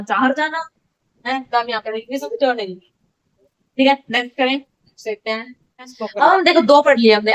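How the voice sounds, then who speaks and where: A woman teaching a physics lesson, who repeats key phrases and asks and answers her own questions. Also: on the high side. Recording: dull lo-fi sound.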